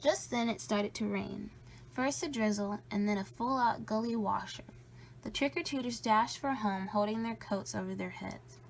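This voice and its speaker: A woman reading a children's story aloud in a playful, spooky way, with drawn-out emphasis and a creaky edge. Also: mid-range voice, fairly even intonation, a little hiss or hum, rough recording. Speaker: storybook reader.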